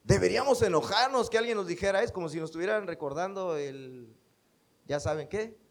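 A man's voice: high-pitched, animated, a little fast. A man with a Mexican accent preaching a sermon, emphatic and quoting scripture. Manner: emphatic, quotes scripture, acts out quoted speech.

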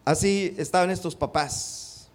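A middle-aged man preaching a sermon, animated, acting out quotes and asking the congregation rhetorical questions. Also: sits high, unhurried. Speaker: pastor. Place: church.

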